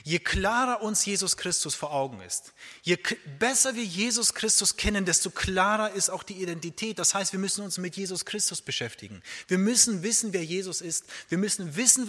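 A man's voice: sits high, bright, forceful tone, in a large hall. A man preaching a sermon in an earnest, emphatic way, repeating his key phrases.

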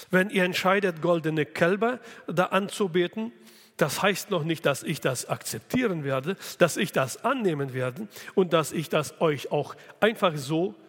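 A man delivers a sermon at an unhurried, deliberate pace. His voice sits a little high for a man. A long reverb trails each phrase, as if the recording were made in a large hall. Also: a bit bright. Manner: slow, deliberate preaching with rhetorical questions. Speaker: preacher.

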